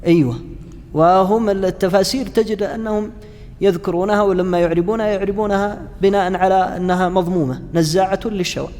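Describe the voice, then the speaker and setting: Guy teaching a class, stops and restarts a lot, kinda high voice, echoey hall. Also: a little mellow. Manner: halting, frequent fillers and restarts, chats with students. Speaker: Islamic studies lecturer. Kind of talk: classroom lecture with students.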